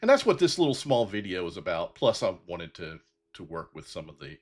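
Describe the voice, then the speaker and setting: A low-voiced man in his fifties hosts his own podcast, talking brisk and very animated. He's bald-headed and growing emotional as he rambles sincerely through a heartfelt solo talk, full of fillers and restarts.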